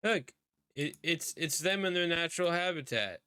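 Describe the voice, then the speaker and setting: A man's voice: fairly high pitch, expressive, moderate pace, bright, forceful tone, clean tone, no echo, clean studio sound. A man hosting a casual podcast chat over a voice call, rambling with lots of fillers. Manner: rambling, filler-heavy talk. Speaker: podcast host. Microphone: computer mic on a voice call.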